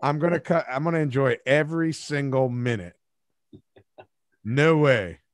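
The podcast host is a man in his forties who speaks a little slowly in a mid-range voice, with no room sound on the recording. Wearing headphones at a studio mic in his home studio, he chats casually in interview style, telling rambling, self-deprecating stories with frequent restarts.

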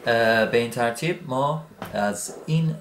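A man teaching English grammar in a relaxed, repetitive way, saying okay often while writing on a board. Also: mid-range voice, roomy sound, slight background noise. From Iran. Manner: relaxed, repeats words, says "okay" often. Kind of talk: explaining grammar at a whiteboard.

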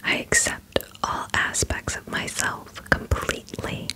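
A woman's voice: measured pace, sharp tone. A woman whispering a soothing pep talk in the style of ASMR affirmations. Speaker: ASMR host.

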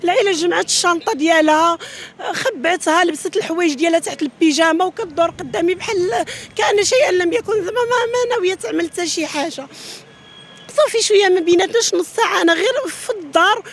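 A woman's voice: very high voice, fast talker, slight background noise. A tearful, distraught woman with a northern Moroccan Arabic accent, pleading urgently in a street news interview, repeating herself as she talks into handheld microphones. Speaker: mother of missing children interviewed on the street. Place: outdoors at night, large open lot. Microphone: handheld reporters' microphones held close.

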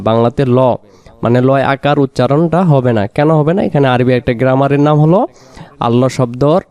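A man teaching prayer pronunciation, spelling out sounds letter by letter and drawing out example phrases slowly. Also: medium pitch, mellow. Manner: drawn-out slow chanting of example phrases; explains letter by letter, patient. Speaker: religious teacher. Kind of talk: pronunciation lesson.

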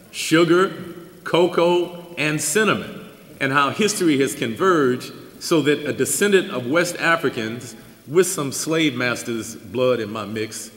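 An older man giving a keynote, reading a personal essay aloud at a lectern mic with measured delivery and dry asides. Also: mid-range voice, a bit bright. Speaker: keynote speaker. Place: large church hall. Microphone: stand mic at a lectern. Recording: roomy hall with long reverb.

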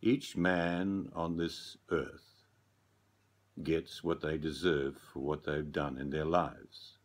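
Man as a talking raven of Death, storybook, very low, slow, portentous, judging. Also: steady tone, full character voice. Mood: grave. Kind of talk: storybook character voice.

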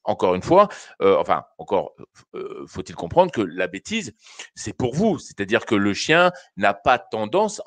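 A man's voice: lowish voice, no echo. A man hosting a live call-in show on dog training, giving casual advice to viewers with many fillers and restarts. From France. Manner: hesitant, many fillers and restarts, addresses callers familiarly.

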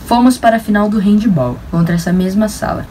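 A young woman with a São Paulo Brazilian accent, telling a story to camera in an animated, slangy, self-mocking way. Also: mid-range voice, brisk, distant mic, a little hiss or hum. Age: young adult. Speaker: vlogger.

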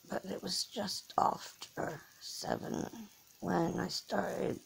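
A middle-aged vlogger from Norfolk, England, lies in bed holding her phone close above her face, delivering a rambling personal monologue slowly and haltingly, full of restarts and fillers. Her English accent carries a touch of American Southern, and her mid-range voice is slightly rough with vocal fry.

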